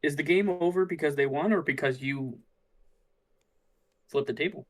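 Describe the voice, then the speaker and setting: A man's voice: on the high side, normal speed. A man casually commentating on a card game tournament, musing aloud about the plays as they happen. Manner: thinks aloud, musing and easygoing.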